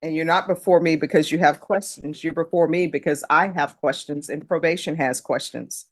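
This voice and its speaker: Woman judge, stern, lecturing, lowish pitch, dry close sound. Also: steady tone, normal speed, dry recording. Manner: firm, lecturing, pointed rhetorical questions. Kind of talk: stern courtroom questioning. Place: courtroom.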